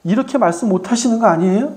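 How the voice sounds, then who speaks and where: A preacher delivering a sermon, firing rhetorical questions at the congregation and swinging between loud exhortation and quiet asides. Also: medium pitch, fast talker.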